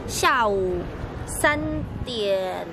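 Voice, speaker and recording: A woman's voice: mid-range voice, lively intonation, extremely slow, vocal fry, noisy background. A young woman with a Taiwanese Mandarin accent chatting casually to camera in a travel vlog. She rambles with fillers, filming at arm's length in a car and on city streets. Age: young adult. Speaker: vlogger. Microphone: handheld camera at arm's length. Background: loud background music.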